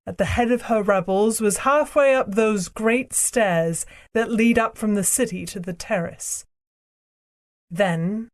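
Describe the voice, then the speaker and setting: A woman voicing a proud, cruel ancient queen and sorceress in an audiobook, speaking in a slow, imperious, theatrical way. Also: mid-range voice, lightly acted. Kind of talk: audiobook character reading.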